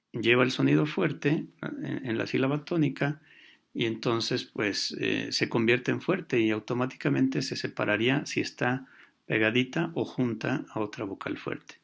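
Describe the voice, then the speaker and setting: A man teaching a grammar lesson, explaining patiently with pauses and fillers. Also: medium pitch, gravelly, fairly bright tone.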